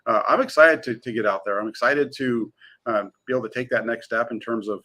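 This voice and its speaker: A man, a sports reporter on a talk show, speaking in an energetic, eager way. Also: mid-range voice, a little fast. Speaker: team beat reporter.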